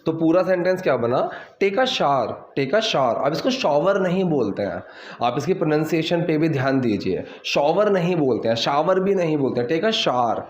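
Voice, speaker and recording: A man's voice: on the high side, very animated. Man teaching English, roomy dull sound. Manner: explains quickly, then reads English lines slowly and deliberately. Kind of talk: bilingual language lesson. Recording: roomy, slightly dull home recording.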